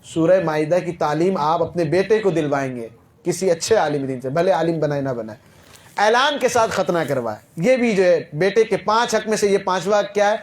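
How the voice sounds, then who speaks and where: A man preaching a sermon, telling stories and quizzing his listeners with rhetorical questions, his voice rising and falling in loudness. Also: high voice, animated. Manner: rhetorical questions to the audience, dramatic swings in loudness. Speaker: Islamic preacher. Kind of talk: Urdu sermon with storytelling.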